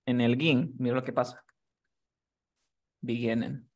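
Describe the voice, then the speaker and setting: A man's voice: medium pitch, fairly even intonation, measured pace. A man teaching a class, explaining rules patiently and often checking that his student has understood. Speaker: English teacher.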